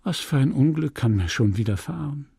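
A man's voice: mid-range voice, animated, brisk, dark tone, dry recording, clean studio sound, full character voice. A man voicing a passionate, tearful young woman in a read novel, pleading and intense. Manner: intense, pleading, breathy at times.

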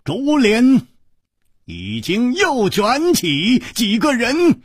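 A man narrating a martial arts novel in a lively storytelling cadence. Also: very high-pitched, drawn-out words, breathy edge, dry recording, studio quality.

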